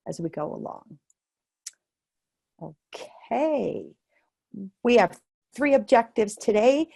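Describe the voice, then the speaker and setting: A woman's voice: medium pitch, creaky, darkish tone. An American woman hosting and presenting an online webinar. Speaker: webinar host.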